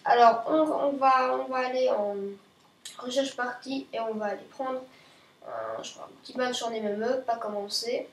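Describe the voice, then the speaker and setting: A woman's voice: fairly high pitch, animated, normal speed, distant mic, slight background noise. A woman hosting live video game commentary, chatty and rambling, often correcting herself mid-sentence. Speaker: gaming channel host. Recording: echoey room, voice off-mic.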